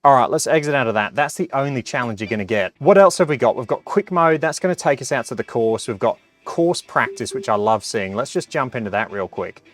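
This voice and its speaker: A man with a mid-pitched voice gives casual review commentary over faint music. He is chatty and talks through what he is doing, reacting aloud as he plays. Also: lively intonation, brisk, hardly any pauses. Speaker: product reviewer.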